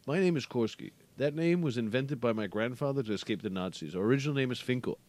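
A middle-aged man speaks as a podcast guest, thoughtful and reflective as he tells stories. His voice sits at a middle pitch. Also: animated, quick pace, darkish tone. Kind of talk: podcast interview conversation.

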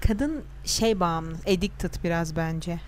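A woman's voice: lowish voice, slow, slight background noise. Opinionated young Turkish-speaking woman chatting. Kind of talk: casual chat about a TV series.

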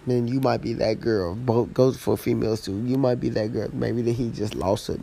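A man's voice: mid-range voice, fairly even intonation, normal speed, vocal fry, dark tone, husky. A young man hosting a podcast, giving casual dating advice in a loose, slangy, rambling way with frequent restarts. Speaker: podcast host.

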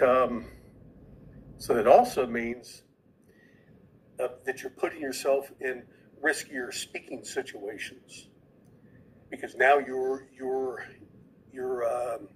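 A man's voice: mid-range voice, slight background noise, poor audio. Earnest man explaining an idea. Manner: earnest, repeats words while explaining. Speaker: podcast guest.

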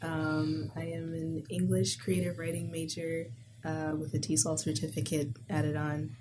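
A woman's voice: low-pitched, flat delivery, measured pace, over loud music. A young woman from the Bahamas, speaking as a student guest in a casual group interview. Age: young adult. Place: professor's office, at a table. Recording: clearly noisy room recording.

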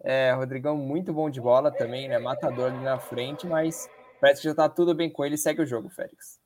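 A man's voice: medium pitch, fairly even intonation, fairly quick, crowd noise. A man with a Brazilian accent giving casual, chatty live football analysis as co-commentator, often adding agreeing tag questions. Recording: faint background noise.

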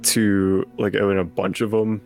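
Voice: low voice, unhurried, vocal fry, faint music behind. A player in a tabletop game, talking casually with restarts and laughter. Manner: lively, hesitant, restarts and laughs. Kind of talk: casual tabletop role-play.

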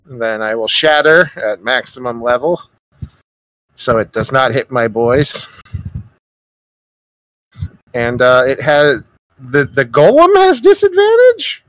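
Slow-speaking male tabletop player, dry sound. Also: mid-range voice, very animated, a bit bright, no room sound, rough recording. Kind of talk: casual tabletop play over voice chat.

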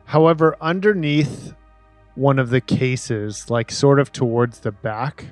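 A man narrating as game master of a tabletop role-playing game, relaxed and quick to laugh. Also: medium pitch, no echo, soft background music. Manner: relaxed, laughs easily, voices side characters.

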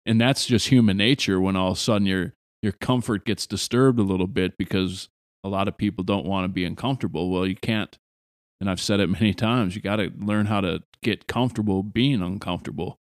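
A man who hosts a podcast and used to teach, talking in a loud, direct and sarcastic way. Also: low voice, steady tone, a little fast, dry recording, studio quality. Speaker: podcast host, former teacher. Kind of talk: casual conversation.

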